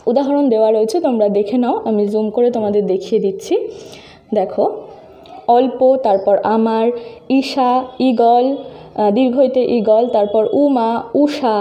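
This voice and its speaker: Woman, teacher, patient step-by-step lesson, slightly high pitch, very warm dark tone. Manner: patient, step-by-step, addresses students directly. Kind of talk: screen-recorded lesson explaining phonetic symbols.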